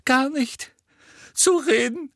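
A man voicing a high-strung, offended female divination teacher in an audiobook, speaking loudly and hysterically, with a trembling, theatrical delivery. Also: sing-song, breathy edge, no room sound, clean studio sound, heavily acted. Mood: tearful outrage. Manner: theatrical, drawn-out words.

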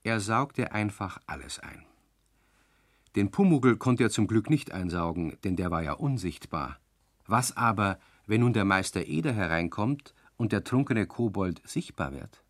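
Ein Mann erzählt ruhig und gleichmäßig eine Hörspielgeschichte. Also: male voice, fairly low pitch, a little slow, no room sound, clean studio sound. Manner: calm, storytelling. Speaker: narrator. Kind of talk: scripted radio play narration.

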